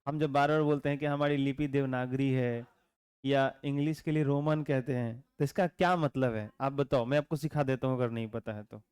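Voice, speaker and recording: Clear-voiced male teacher quizzing his class. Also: medium pitch, a little fast, no echo, clean studio sound. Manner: asks the class frequent check questions; calm explaining tone with teasing asides. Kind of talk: classroom lecture. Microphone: camera mic in classroom.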